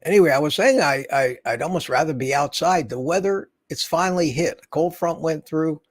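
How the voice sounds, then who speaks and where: A Florida man in his seventies hosts a casual livestream from home, talking fairly quickly in a slightly high voice. He rambles in a folksy manner, reading viewer comments aloud and answering them, and the studio sound is clean with no echo.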